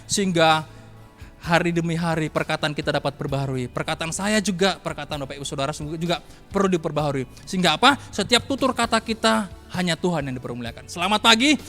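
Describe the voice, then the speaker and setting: A man's voice: fairly high pitch, fast, sharp tone, big-room sound, soft background music. A man preaching a morning devotional sermon, emphatic and repetitive, often calling out to his listeners. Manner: emphatic, repeats phrases, addresses listeners as saudara.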